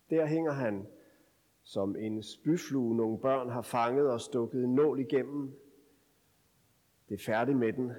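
A man's voice: mid-range voice, a little mellow. Solemn male pastor in a reverberant church. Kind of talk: scripture reading and sermon.

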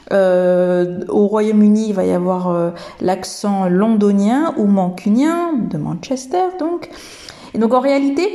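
Woman, podcast teacher, slow-paced, mellow tone, hesitant with fillers. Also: mid-range voice. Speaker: English teacher and podcast host. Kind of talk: podcast lesson in French.

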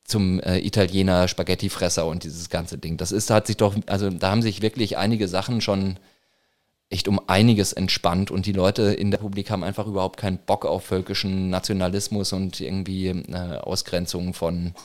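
Male, 30s, from northern Bavaria, lowish voice, halting interviewee with lots of fillers. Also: level tone. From Franconia, northern Bavaria, Germany. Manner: halting, many fillers and restarts. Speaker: interviewee, protest organizer. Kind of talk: casual interview.

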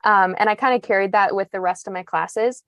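A woman's voice: mid-range voice, fairly quick, fairly bright tone, dry recording. A woman in her twenties, a journalist guest on a podcast, telling her story in a chatty, reflective way with many fillers and restarts. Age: 20s. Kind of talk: casual podcast interview.

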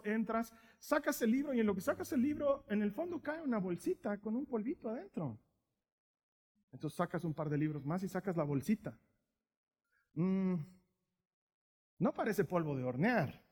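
A man preaching a sermon with emphatic swings between loud and quiet. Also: high-pitched. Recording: echoey hall.

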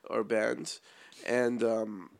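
A man co-hosting a casual podcast, reading news articles aloud with halting restarts. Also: fairly low pitch, flat delivery, gravelly.

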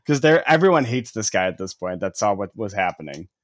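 A man's voice: fairly low pitch, brisk, no echo. Profane storytelling man, dry sound. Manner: profane, animated storytelling with filler "like". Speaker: podcast co-host. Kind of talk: casual chat, storytelling.

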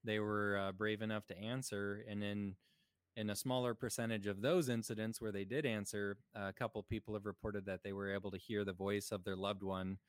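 A man's voice: fairly low pitch, flat delivery, brisk, smooth, dry recording, clean studio sound. A man co-hosting a podcast, talking in a chatty, joking way with many fillers. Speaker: podcast co-host. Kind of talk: casual chat.

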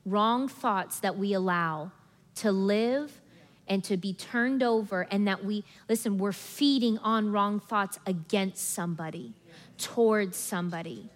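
A woman preaching a sermon in a lively, conversational way, often acting out people's inner thoughts. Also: medium pitch, measured pace. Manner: animated, acts out congregation's inner voices with laughs. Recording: long hall reverb.

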